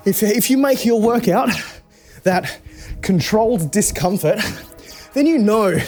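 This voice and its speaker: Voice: medium pitch, darkish tone. An instructor coaching a live home workout, chatty and encouraging while demonstrating the moves. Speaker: fitness instructor.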